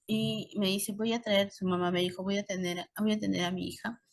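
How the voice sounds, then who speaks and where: A middle-aged woman with a Peruvian Spanish accent lectures on obstetrics in an online course. She talks conversationally, leaning on tag questions and stories from her practice, at an ordinary pitch for a woman. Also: flat delivery, a little fast, gravelly. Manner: conversational, shares clinical anecdotes, frequent tag questions.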